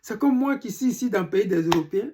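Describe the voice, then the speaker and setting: A political commentator from Côte d'Ivoire, now living in Europe, speaks with an Ivorian French accent in an indignant, emphatic monologue to his followers, hammering the same questions repeatedly. His mid-range voice moves quickly with lively intonation over a noisy background.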